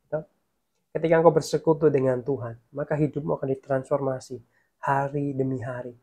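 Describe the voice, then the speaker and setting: Gravelly-voiced male preacher, animated. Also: mid-range voice, fairly quick. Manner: lively preaching, swells loud in prayer. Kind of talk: online sermon and prayer.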